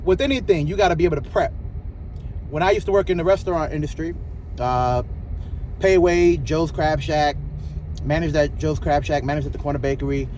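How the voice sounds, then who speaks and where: A man's voice: on the high side, steady tone, fairly quick, a little mellow, low-quality recording. A man with a lisp giving a casual motivational vlog talk, loose and colloquial, repeating phrases for emphasis. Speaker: vlogger. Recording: clear vehicle and outdoor noise.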